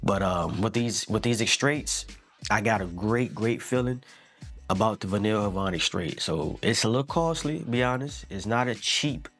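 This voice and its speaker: A man's voice: lowish voice, lively intonation, moderate pace, a bit bright. A man giving a casual fragrance review in a laid-back, slangy way, often repeating himself and calling the listener "man".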